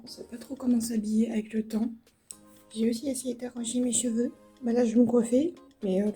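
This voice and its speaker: A young woman from a casual home vlog speaks in a fairly high, soft-edged voice. Her s sounds carry a slight slushy lisp, and she talks informally and plays herself down, with faint music underneath. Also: breathy edge. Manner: informal, self-deprecating. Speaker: vlogger. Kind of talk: casual chat to camera.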